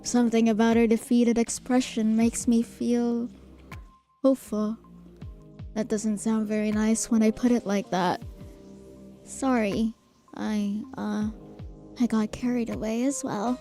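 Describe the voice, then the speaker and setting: A young woman streamer reading a visual novel aloud in a soft, hesitant, apologetic way. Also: a little high, level tone, a little slow, pauses often, soft background music. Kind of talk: reading game dialogue and first-person narration aloud.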